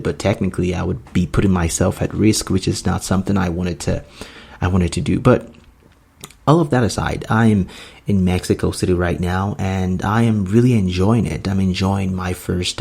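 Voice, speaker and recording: A man's voice: sits low, creaky, darkish tone, husky. A man, hosting a solo podcast in an earnest, rambling way with many fillers. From Nigeria. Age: 20s. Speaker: podcast host.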